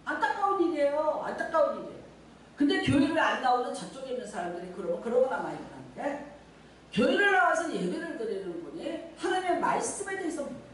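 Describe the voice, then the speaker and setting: A middle-aged woman pastor preaches in a lively, conversational way, acting out scenes and quizzing her congregation. Her voice sits fairly high and swoops up and down. She sounds set back from the mic in a very echoey church sanctuary, with a faint hum of the room behind her. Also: fast, distant mic. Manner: lively, acts out scenes, talks directly to the congregation. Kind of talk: sermon.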